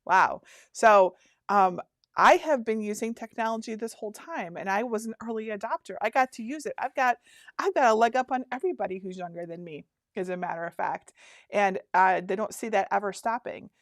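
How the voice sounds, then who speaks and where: A woman's voice: medium pitch, fairly quick, no echo, studio quality. A woman in her fifties hosting a casual livestream, chatting with viewers and reading their comments aloud. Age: 50s. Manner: chatty, reads viewer comments aloud, frequent restarts and laughs. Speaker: craft workshop host.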